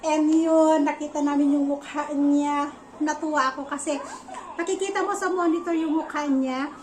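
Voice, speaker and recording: Chatty high-voiced Filipino woman vlogger. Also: fairly even intonation, moderate pace, darkish tone, slight background noise, low-quality recording. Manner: chatty, searches for words, many fillers. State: slightly out of breath. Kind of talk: casual vlog chat.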